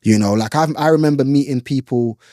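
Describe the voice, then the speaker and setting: Young man from Ghana, London accent, passionate casual talk, slangy, warm mellow tone. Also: mid-range voice, a little fast, dry recording, clean studio sound. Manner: passionate, vocal, uses slang like "bro" and "innit". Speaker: guest musician. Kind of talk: casual conversation.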